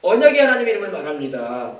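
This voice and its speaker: A man's voice: high-pitched, sing-song, very fast, echoey room, recorded from a distance. A man preaching a sermon as pastor, often calling out hallelujah and acting out quoted dialogue. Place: church sanctuary.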